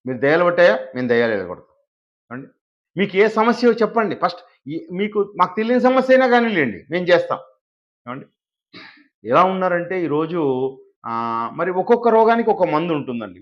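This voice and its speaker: A man from India preaching a live sermon, emphatic and full of rhetorical questions to his listeners. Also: a little high. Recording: dull lo-fi recording.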